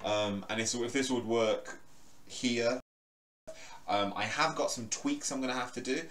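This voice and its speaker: Speaking a little slowly, a booming-voiced crypto vlogger chats loosely to camera indoors in his bedroom, stumbling through fillers and restarts. Standing away from the room's microphone, he sounds a bit bright and distant, with roomy echo.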